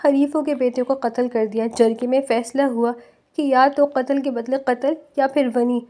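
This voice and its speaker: A woman's voice: high voice, fairly even intonation, warm tone, close to an everyday voice. A woman voicing a desperate middle-aged mother who tearfully tells her story in an audio novel. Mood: mournful. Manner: tearful, pleading.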